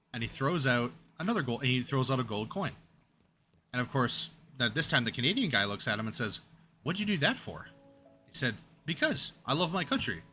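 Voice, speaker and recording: A man's voice: mid-range voice, sharp tone. A young man streaming a game, chatting casually and telling a long joke in a rambling way with restarts and chuckles.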